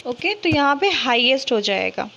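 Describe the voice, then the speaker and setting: A woman teaching English grammar in Hindi, asking questions and answering them herself, and stretching out the example words slowly. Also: sits high, big pitch swings, creaky, sharp tone. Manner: slow, drawn-out reading of example words. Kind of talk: explanatory lesson in Hindi with English terms.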